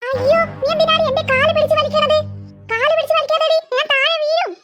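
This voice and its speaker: A woman's voice: extremely high pitch, fairly even intonation, fairly quick, fairly bright tone, no room sound, soft background music. A pleading cartoon girl. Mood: protesting. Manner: pleading, defensive. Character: little girl, sly, protesting innocence. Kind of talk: cartoon voice acting.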